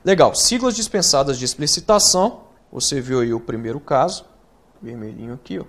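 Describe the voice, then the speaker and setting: A Brazilian man teaching writing in an online course, talking straight to the student with rhetorical questions and spelling acronyms out slowly letter by letter. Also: medium pitch, expressive, fairly bright tone. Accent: Brazilian Portuguese. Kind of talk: recorded online lesson.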